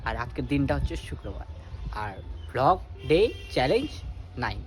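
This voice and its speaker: A young man chatting casually to his viewers in a daily vlog, talking quickly and calling them guys. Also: mid-range voice, big pitch swings, loud music behind the voice. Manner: rapid chatty talk, addresses viewers as guys. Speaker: daily vlogger.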